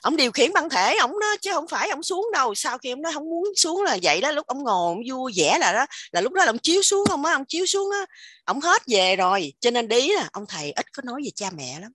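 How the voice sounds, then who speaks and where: A woman with a Southern Vietnamese accent giving an animated casual spiritual talk, repeating words in quick emphatic bursts. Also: high voice, no echo. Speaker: religious teacher sharing insights.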